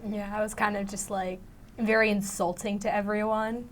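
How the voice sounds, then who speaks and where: A young woman, somewhere from her teens to young adulthood, chats in a casual studio interview as a student actor, her informal, youthful talk full of fillers. Her voice is medium-pitched and flat at normal speed, with a little hiss or hum in the background.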